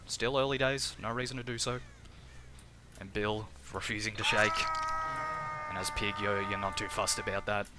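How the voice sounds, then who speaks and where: A man with an Australian accent casting a live game tournament in a chatty, energetic way, often restarting his phrases. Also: fairly low pitch, normal speed, very noisy. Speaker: tournament caster and streamer.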